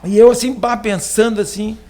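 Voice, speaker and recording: Crowd noise sits behind this man's high, steady voice as he talks at a moderate pace. He's a pastor with a southern Brazilian accent from Rio Grande do Sul, being interviewed on a podcast and rambling through a personal story with plenty of fillers.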